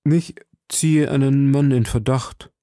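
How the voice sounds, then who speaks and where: A man's voice: mid-range voice, steady tone, slow pace, warm tone, no echo, clean studio sound, voice pushed up, natural voice. A man voicing a timid, frightened middle-aged male shopkeeper who speaks hesitantly and pleads anxiously.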